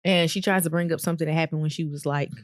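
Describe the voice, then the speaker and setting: A woman co-hosting a podcast, recapping a reality TV episode in casual chat, laughing often and filling pauses with "um.". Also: sits low, no room sound, studio quality. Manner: laughs often, many ums, relaxed storytelling. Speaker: podcast co-host.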